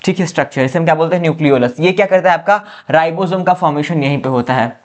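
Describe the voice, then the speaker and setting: Addressing his students as "बच्चा", a fast-talking male biology teacher with a higher pitch delivers a classroom lecture. He repeats questions, answers them himself, and peppers his speech with "ठीक है".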